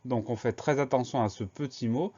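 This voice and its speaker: A man of middle pitch leads a dictation lesson, breaking each word into syllables and spelling it carefully letter by letter. His pace is measured and patient. The recording sounds a little dull and lo-fi. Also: warm tone, slightly rough. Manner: slow, deliberate letter-by-letter spelling. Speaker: teacher.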